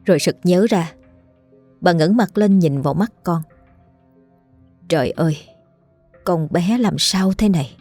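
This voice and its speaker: A woman narrates a ghost story in a steady, solemn reading voice. Her pitch is low and her tone dark and mellow. Faint music runs beneath her. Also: measured pace, long pauses, husky.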